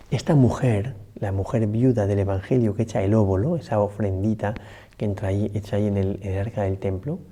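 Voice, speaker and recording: Husky-voiced priest giving a homily. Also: male voice, on the low side, dark tone. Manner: conversational, many rhetorical tags and restarts. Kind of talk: morning meditation homily.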